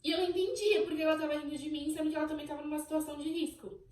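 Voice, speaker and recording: A young Brazilian woman telling her own story on her channel in an emotional, animated way, acting out what people said. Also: high-pitched, rapid-fire, echoey room, recorded from a distance, poor audio. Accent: Brazilian Portuguese. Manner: emotional, animated storytelling, voicing remembered exchanges. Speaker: channel host. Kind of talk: personal birth story vlog.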